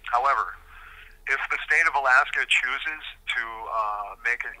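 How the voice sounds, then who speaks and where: A man speaking earnestly over a prison payphone call, measured and deliberate, with frequent hesitations. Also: mid-range voice, sharp tone, rough recording. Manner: measured, deliberate, many fillers. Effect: prison payphone call line. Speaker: incarcerated man interviewed by phone. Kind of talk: earnest interview answers.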